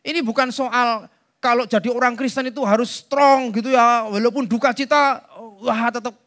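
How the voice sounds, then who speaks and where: A man's voice: very high voice, steady tone, normal speed, fairly bright tone. A man preaching a sermon as pastor, talking conversationally to the congregation and slipping into asides. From Indonesia. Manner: conversational preaching, addresses congregation directly, drops into Javanese asides.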